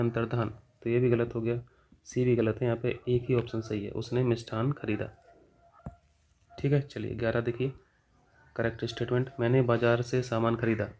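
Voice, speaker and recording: A man's voice: mid-range voice, dark tone. A man teaching grammar, working through exam questions and answering his own questions as he goes. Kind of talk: explaining exam test answers.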